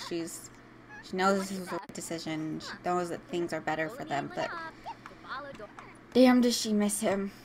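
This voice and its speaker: A woman's voice: on the low side, gravelly, noisy background. A young woman giving chatty, emotional commentary while playing a life-sim game as a video host. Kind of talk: casual gameplay commentary.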